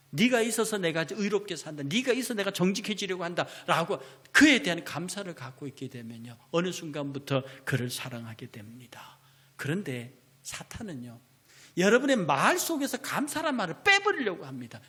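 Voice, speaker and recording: Korean pastor preaching, loud to whispered. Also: male voice, on the high side, breathy edge. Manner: impassioned preaching that swings from loud to whispered asides. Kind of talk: sermon.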